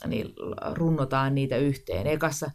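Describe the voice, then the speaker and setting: A woman's voice: very deep voice, a little mellow. A woman in her forties, a screenwriter being interviewed, talking casually with lots of fillers and restarts. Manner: chatty, with many fillers and restarts. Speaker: guest, screenwriter and director.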